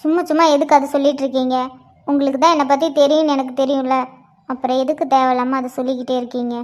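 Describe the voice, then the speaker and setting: Woman voicing a cartoon young wife, high voice, fake crying then plotting under her breath. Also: little pitch movement, very fast, darkish tone, natural voice. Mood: tearful pleading. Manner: pleading, then sly muttering to herself. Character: young scheming wife, feigning tears.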